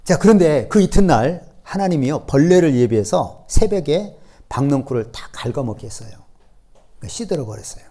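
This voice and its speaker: A male pastor delivers an animated sermon, his fairly high voice dark and mellow in tone. He tells the story with lively energy and keeps checking in with the congregation through quick questions. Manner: acts out biblical speech in raised voice.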